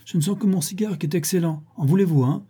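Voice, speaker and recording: A man voicing an effusive, teasing French theatre director in a storybook reading, pitched above his narrating voice. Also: quick pace, warm tone, slightly rough. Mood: jovial. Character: jovial, talkative middle-aged French theatre director.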